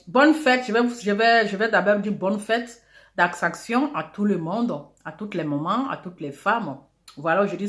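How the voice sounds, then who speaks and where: A woman's voice: mid-range voice, fairly bright tone, roomy sound. A woman hosting a casual gossip vlog, introducing herself in a boastful, theatrical way with repeated catchphrases. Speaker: online video host.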